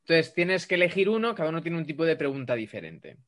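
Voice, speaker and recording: A man's voice: fairly high pitch, big pitch swings, quick pace. A man hosting a casual game, explaining the rules step by step in a chatty way. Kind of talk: casual chat.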